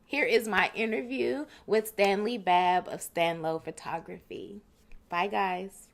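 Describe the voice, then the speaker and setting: A woman's voice: medium pitch, fairly even intonation, takes it slowly, creaky. A woman hosting a podcast, gushing with enthusiasm as she opens the show and asks a guest questions. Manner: gushing, enthusiastic, fond of words like crazy and wild. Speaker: podcast host. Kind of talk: podcast intro and interview.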